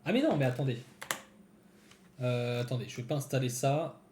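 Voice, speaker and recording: A man's voice: mid-range voice, lively intonation, moderate pace, darkish tone, echoey room, slight background noise. A man giving casual live-coding commentary to his viewers, thinking aloud as he types. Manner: thinks aloud, chatty, talks to viewers while typing. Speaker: developer streaming a coding session.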